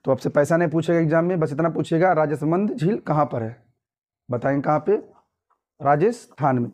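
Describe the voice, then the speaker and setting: Man, exam-prep teacher, young, mellow tone, higher pitch, repeats and quizzes. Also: moderate pace. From Uttar Pradesh, India. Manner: repetitive, quizzing listeners with tag questions.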